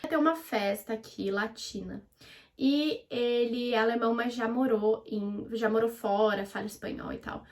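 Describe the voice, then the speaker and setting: A young Brazilian woman with a Brazilian Portuguese accent telling a story in a casual vlog, chatty and animated, acting out the dialogue. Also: on the high side, moderate pace. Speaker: vlogger.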